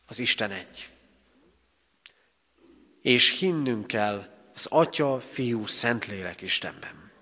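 Male pastor, sermon, emphatic rises and pauses, mid-pitched, long church reverb. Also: expressive, bright, forceful tone. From Hungary.

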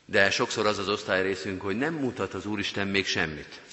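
A man's voice: low voice, sharp tone. A man preaching a sermon as pastor, speaking earnestly and directly to his congregation. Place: church. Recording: long church reverb.

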